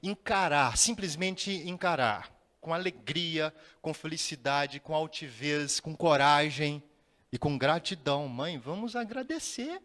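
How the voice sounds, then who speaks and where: A man tells a personal story to a lecture audience, building the drama with pauses and sudden lifts. His voice sits fairly high, and a long hall reverb trails behind each phrase. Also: a bit bright. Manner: dramatic, heartfelt telling with pauses and sudden rises. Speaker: spiritist lecturer.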